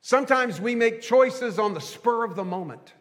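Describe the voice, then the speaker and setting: A man preaching a sermon as pastor, telling a folksy story and posing questions with drawn-out pauses. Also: very high voice, lively intonation, fairly bright tone. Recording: long reverb of a church sanctuary.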